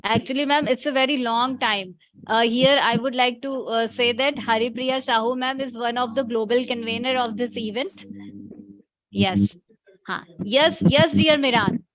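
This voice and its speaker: A woman's voice: on the high side, moderate pace. A woman hosting an online panel, polite and encouraging with many fillers, over a video call. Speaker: event host. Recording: dull lo-fi call audio.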